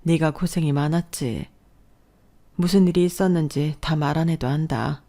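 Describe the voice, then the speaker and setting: A woman's voice: sits low, steady tone, moderate pace. A woman voicing a caring middle-aged mother reassuring her daughter on the phone. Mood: tender, firm. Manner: quiet then firm.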